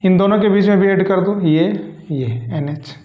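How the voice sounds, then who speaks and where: A man teaching chemistry, asking questions and answering them slowly himself. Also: high voice, muffled recording. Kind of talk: classroom lecture. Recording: echoey room.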